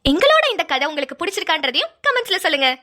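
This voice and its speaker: A woman's voice: very high-pitched, very animated, racing, bright, forceful tone. A woman hosting a cartoon channel, giving a chatty, upbeat outro to viewers.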